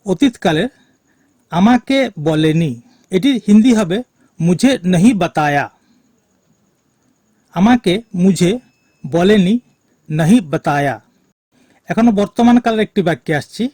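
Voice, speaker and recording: A man teaching a language lesson, speaking slowly and deliberately and repeating each phrase for learners. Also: high voice, lively intonation, darkish tone, no echo. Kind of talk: slow spoken language lesson.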